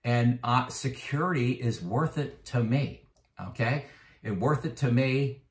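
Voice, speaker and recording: A fifty-something man explains his own finances to camera for a retirement finance vlog, his mid-range voice a little slow and reverberant. The talk is casual and conversational, with frequent fillers, and he becomes emphatic when pressing a point.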